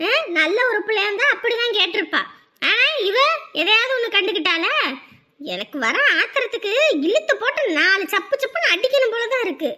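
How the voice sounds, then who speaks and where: A woman acting a sharp-tongued, motherly aunt in a family drama skit, who grumbles and scolds but coaxes the boy she raises. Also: very high voice, animated, brisk, heavily acted. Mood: indignant. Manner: grumbling, scolding, then coaxing.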